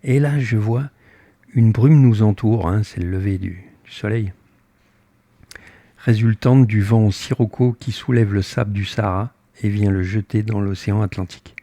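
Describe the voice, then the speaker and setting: An older man tells the story of his own voyage at sea, acting out his side of a tense exchange with lively emphasis. His voice is mellow and relaxed, and the recording is close and dry. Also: on the low side, normal speed, no room sound. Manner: animated, acts out his own heated dialogue. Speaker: sailboat captain recounting his voyage. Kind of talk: casual spoken storytelling.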